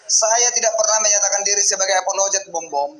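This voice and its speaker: A man in a live-stream debate, answering calmly with short repeated rebuttals. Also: sits high, fast talker, a loud crowd. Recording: noisy live-stream audio.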